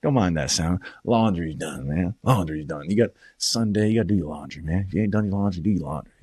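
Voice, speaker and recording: A man's voice: sits low, animated, fast talker, darkish tone, husky, no echo, studio quality. A man casually recapping fight events at home, rambling and swearing, tossing in "bro" and "man" constantly. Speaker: combat sports vlogger.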